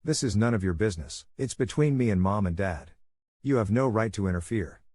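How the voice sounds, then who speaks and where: A man's voice: lowish voice, expressive, a little fast, a little mellow, no echo. A man reading as a spoiled, accusing sister. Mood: angry. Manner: defensive, accusing. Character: grown woman, resentful spoiled sister.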